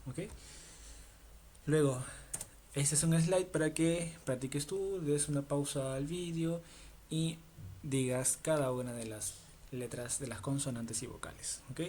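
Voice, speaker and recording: A man's voice: a little high, dark tone, a little hiss or hum. A man teaching an online language lesson, patient and repetitive, often checking in with the listener. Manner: patient, repeats words slowly, asks ¿ok? often.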